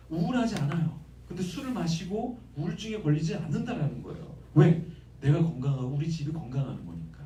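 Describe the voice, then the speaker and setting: Guy preaching a sermon, high lively voice, keeps asking the crowd questions, echoey church, mic kinda far. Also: slight background noise. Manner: lively conversational preaching, asks the congregation questions. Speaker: guest pastor. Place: church sanctuary.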